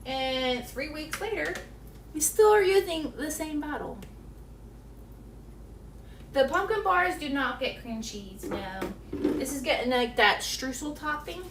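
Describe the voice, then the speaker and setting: Young woman, home baker, easy unhurried chatter, kitchen camera mic with a faint hiss. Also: high-pitched, expressive, reverberant, distant mic. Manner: chatty, talks to her dog in a cooing voice. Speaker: home baking channel host. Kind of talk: casual chat while doing chores.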